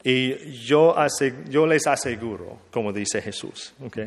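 A man, a priest, preaching a sermon in a slow, reflective way, asking himself questions and repeating them. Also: mid-range voice, long reverb tail.

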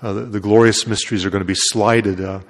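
Priest in a cathedral's long echo. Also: male voice, lowish voice, fairly even intonation, fast. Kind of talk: gospel reading and homily. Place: large church. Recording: long echo of a large church.

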